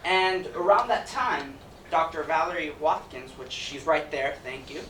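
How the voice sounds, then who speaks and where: This young adult man from Ecuador has a higher-pitched voice and a measured pace as he gives a playful, upbeat student presentation to an event-hall audience. A distant mic yields a noisy, roomy recording.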